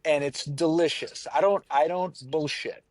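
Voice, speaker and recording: A man's voice: a little high, fairly even intonation, normal speed, a little mellow, no room sound. Rambling self-mocking man, dry close sound. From Pacific Northwest. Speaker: podcast co-host. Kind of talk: casual chat.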